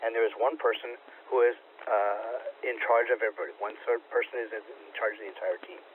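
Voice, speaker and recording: A man running a radio training net, giving steady, procedural instructions over an amateur radio transmission with static. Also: mid-range voice, a little fast. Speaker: net control operator. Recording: tinny radio receiver, faint static.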